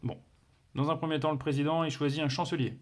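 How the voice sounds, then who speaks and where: A man with a slightly high voice, level tone and quick pace reviews a board game, casually walking through its rules. He hesitates a lot, using many fillers, restarts and self-corrections, along with playful sound words.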